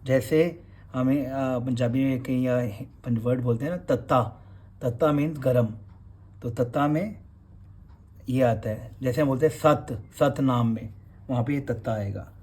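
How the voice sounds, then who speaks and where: A man's voice: mid-range voice, unhurried, darkish tone. A man, teaching Gurmukhi letters in a revision class and patiently repeating each sound.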